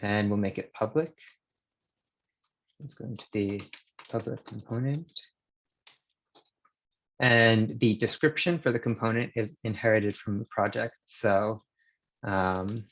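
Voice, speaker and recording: Low, gravelly male presenter, heard through a dull screen recording of a video call; casual and hesitant, full of fillers. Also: takes it slowly, long pauses, a bit bright. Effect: screen-recorded video call audio. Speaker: engineer presenting a demo. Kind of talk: live software demo on a video call.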